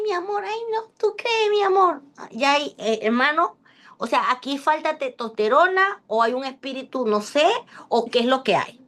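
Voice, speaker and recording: Lively woman teaching online. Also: sits high. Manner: lively, chatty, jokes with the class. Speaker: class instructor. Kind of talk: online lecture.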